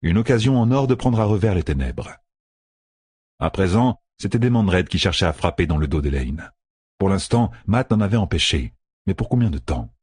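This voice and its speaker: Very husky deep-voiced male narrator. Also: lively intonation, normal speed, a little mellow, no echo. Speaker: audiobook narrator. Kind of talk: scripted narration. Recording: dry close recording.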